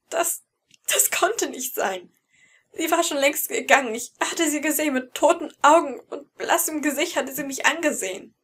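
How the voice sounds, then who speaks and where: A woman's voice: on the high side, breathy edge. A woman reading a fan-fiction audiobook in first person, with emotional, tense storytelling. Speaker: audiobook reader.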